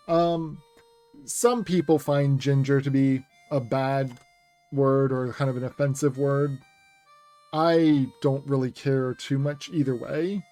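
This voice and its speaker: A male game streamer chatting easily with his viewers, his mellow voice edged with gravel. He talks into a headset mic while quiet game music plays underneath. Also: mid-range voice. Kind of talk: casual game stream chat.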